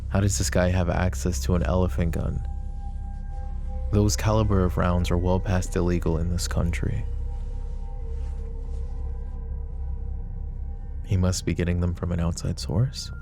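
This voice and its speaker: In an ASMR roleplay drama, a man voices a possessive, protective mafia boss, speaking low, measured and quietly menacing in a deep, gravelly tone. His delivery is flat and probing, set against soft background music.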